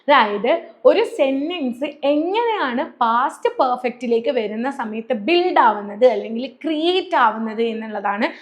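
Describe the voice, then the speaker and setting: A woman's voice: a little high, animated, moderate pace. A woman with a Malayali accent teaching an English grammar lesson, explaining patiently and repeating key points.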